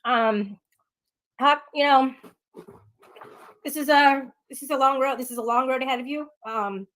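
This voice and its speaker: Woman host on a live chat, kinda high voice, lots of ums and restarts. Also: a little slow, a bit bright, low-quality recording. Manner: hesitant, many fillers and restarts. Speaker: livestream host.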